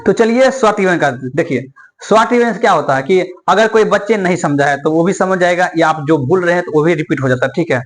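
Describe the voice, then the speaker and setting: A man's voice: high-pitched, brisk. A man teaching English in a classroom style, repeating points and answering his own questions.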